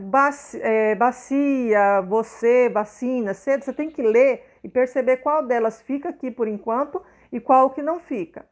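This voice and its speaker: A woman teacher explains a lesson to young students, patiently repeating points and checking understanding. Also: on the high side.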